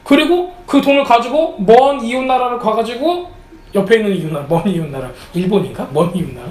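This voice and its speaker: A man preaching a sermon as pastor, animated, often acting out the lines of the people in his story. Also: high-pitched, a little fast, roomy sound, low-quality recording. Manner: animated, acts out quotes of characters. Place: church sanctuary.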